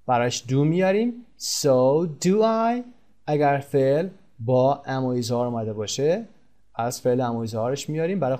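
A man whose first language is Persian, teaching English in a recorded lesson, explaining step by step and drawing out the English example phrases slowly. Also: medium pitch, a little mellow.

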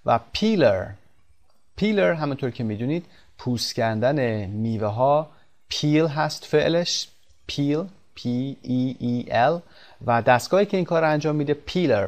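Persian-accented guy teaching english vocab, goes over each word slowly and patiently. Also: mid-range voice. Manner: explains patiently, repeats words slowly for pronunciation. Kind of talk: vocabulary lesson.

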